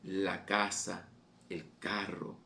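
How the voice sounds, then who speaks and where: Deep-ish raspy guy preaching, lots of repeating, gets loud on the big lines. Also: level tone, drawn-out words, slight background noise. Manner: fervent, repetitive, voice rising on quoted exhortations. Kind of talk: sermon.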